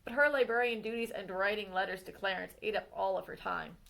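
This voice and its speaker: The audio is poor, but a female librarian with a medium pitch and vocal fry can be heard reading a picture book biography to children. Her delivery is expressive, slowing at exciting points in the story.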